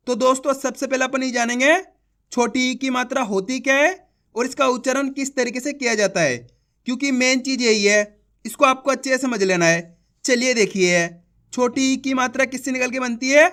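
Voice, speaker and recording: A young man teaching reading in a slow online lesson, drilling sounds and asking learners to repeat after him. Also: extremely high pitch, a bit bright. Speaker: Hindi teacher.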